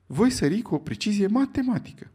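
A man voicing a calm, precise English gentleman who speaks in a cool, clipped, unflappable way in an audiobook reading. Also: high voice, husky, pitched above the performer's own voice, heavily acted. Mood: composed.

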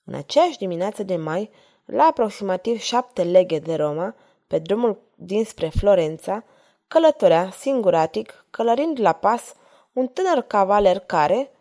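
A woman narrating a historical novel in an expressive, measured reading. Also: mid-range voice. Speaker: audiobook narrator.

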